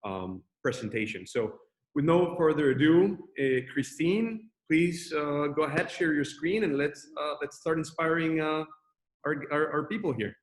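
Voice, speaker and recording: A man's voice: a little high, a little slow. Man hosting an online Q&A. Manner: friendly, restarts often, loose. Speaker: webinar host. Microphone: video call.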